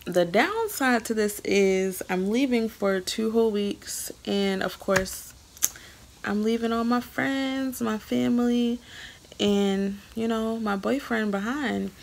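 A woman's voice: a little high, takes it slowly, vocal fry. A young woman talking candidly and chattily to her viewers in a casual vlog, filmed on a handheld phone. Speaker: vlogger. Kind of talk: casual vlog talk to camera. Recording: heavy background noise.

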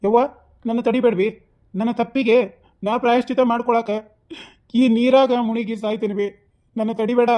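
A voice actor playing a remorseful grown son in a cartoon, confessing slowly and solemnly with a North Karnataka accent. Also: mid-range voice, fairly even intonation, lo-fi sound, close to an everyday voice. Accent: North Karnataka Kannada.

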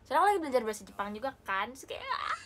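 A young woman with an Indonesian accent, chatting casually and excitably with viewers on a livestream, mixing in English phrases. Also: a little high, very fast, a little hiss or hum. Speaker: idol livestream host.

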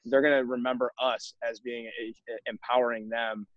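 A man's voice: medium pitch, little pitch movement, normal speed, no echo. A young man, a college baseball coach, talking emphatically to other coaches on a video call and often tagging points with "right?". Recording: dull, dry video-call audio.

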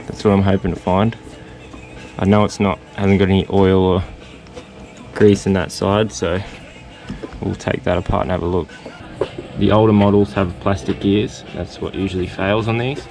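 Young man, low monotone, laid-back vlog chat on a boat, handheld camera. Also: normal speed, long pauses, soft background music, low-quality recording. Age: young adult. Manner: relaxed and rambling, with many fillers. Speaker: sailing vlog host. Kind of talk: casual vlog talk to camera. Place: on and inside a sailboat. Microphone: action camera held close.

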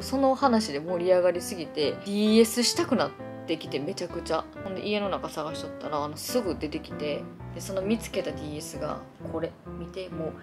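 A young woman with a Kansai accent chatting through a makeup tutorial, rambling into animated stories as she works. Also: on the low side. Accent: Kansai Japanese. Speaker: beauty vlogger.

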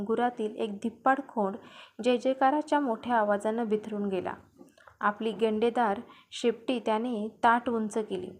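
A woman narrating an audiobook novel in the first person, with steady storytelling delivery. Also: fairly high pitch.

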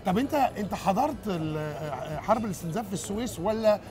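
A middle-aged man with an Egyptian Arabic accent, hosting a food show and interviewing on a street in a lively, chatty way. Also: high voice, fast, music in the background. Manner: lively, chatty, echoes and confirms answers. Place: outdoors on a city street.

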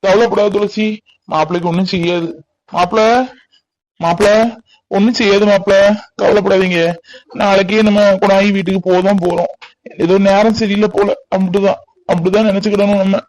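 A man's voice: sits high, flat delivery, brisk, pauses often, darkish tone, natural voice, poor audio. A man voicing a caring, reassuring young village man in a dubbed cartoon. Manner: reassuring, explaining.

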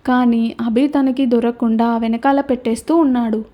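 A woman narrating a romance story in a steady, dramatic reading. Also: on the high side, moderate pace, muffled recording.

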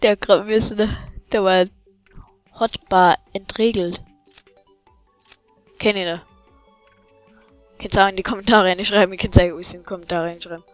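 A woman giving excitable let's-play commentary, yelling at enemies and chatting to viewers, with faint game music behind. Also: mid-range voice, normal speed, long pauses, no room sound, rough recording.

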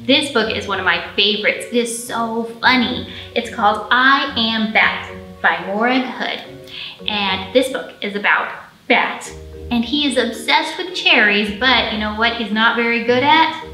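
Soft music plays behind a librarian in her thirties as she records a storytime for online viewing in an echoey indoor library room. Her fairly high voice is unhurried, bright, and forceful, and she reads and presents expressively, addressing young children directly.

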